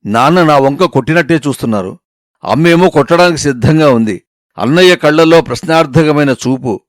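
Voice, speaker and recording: An expressive male storyteller narrating in the first person, with a voice that sits on the higher side. The recording is close and dry, with no room sound. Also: fairly quick, no room sound.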